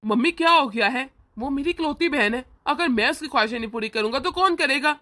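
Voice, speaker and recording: Talking quickly in a high register, a woman plays the gentle, reassuring young brother of an animated family cartoon, a kind and indulgent character.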